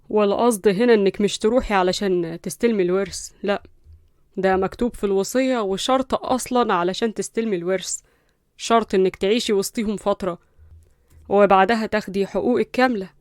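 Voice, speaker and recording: A woman plays a middle-aged male lawyer in a storybook, with an Egyptian Arabic accent. He speaks formally and insistently, in a smooth, clear and quick voice, recorded dry and close. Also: mid-range voice, no room sound, natural voice.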